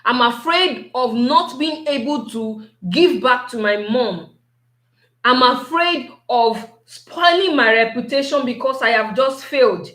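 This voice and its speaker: A woman giving a motivational talk, slow and repetitive, asking her listeners many questions. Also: sits high, expressive, fairly bright tone, roomy sound.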